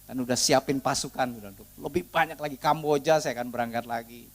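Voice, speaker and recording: A middle-aged male preacher with a Sundanese-tinged Indonesian accent tells a story in a sermon. He keeps calling his listeners "saudaraku" and moves between soft asides and loud, fervent exhortation. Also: mid-range voice, fairly even intonation, quick pace.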